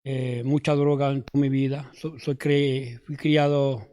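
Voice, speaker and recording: A man's voice: medium pitch, level tone, mellow. Nervous man with a New York Spanish accent. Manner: nervous, halting, with restarts. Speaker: guest giving testimony. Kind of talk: personal testimony.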